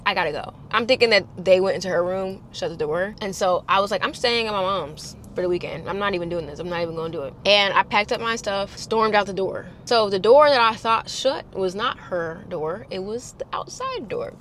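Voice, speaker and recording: Young woman vlogger, casual storytime, animated delivery. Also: fairly quick, hardly any pauses, slight background noise. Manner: animated, acts out quotes in higher voices.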